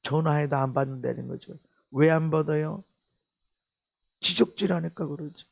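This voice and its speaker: A man's voice: a little high, normal speed, creaky. A middle-aged male pastor preaching a church sermon, acting out little dialogues as he goes. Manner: animated, acts out dialogue voices. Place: church sanctuary.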